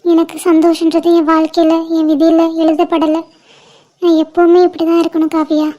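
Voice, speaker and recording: A woman voicing a gentle, resigned young woman about to be married, soft-spoken and tender in an amateur audio drama. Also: extremely high pitch, completely flat delivery, normal speed. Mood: sorrowful. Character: sorrowful young bride-to-be, gentle elder sister. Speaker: elder sister.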